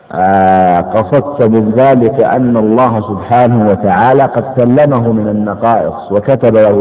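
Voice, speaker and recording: Male scholar teaching a religious text, measured delivery, recorded in a long-reverb hall. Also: lowish voice. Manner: slow and deliberate, stretching key words. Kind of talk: slow measured religious lecture. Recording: echoey hall on a tinny phone-like line.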